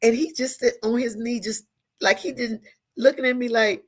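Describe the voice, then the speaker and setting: A woman's voice: a little high, normal speed. A middle-aged woman, a pastor's wife and interview guest, telling a personal story earnestly and with feeling. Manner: earnest, animated, leans on endearments like "honey" and "girl".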